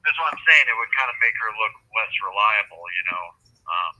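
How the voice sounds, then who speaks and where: A man's voice: fairly low pitch, expressive, brisk, sharp tone. A man calling from jail over a prison phone line, talking casually and hesitantly with many fillers and restarts. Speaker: jail inmate on a call. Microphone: phone handset.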